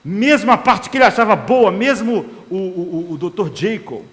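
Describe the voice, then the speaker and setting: A man's voice: high-pitched, lively intonation, normal speed, a bit bright. A man preaching an impassioned sermon, acting out the inner voices of desire. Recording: long hall reverb.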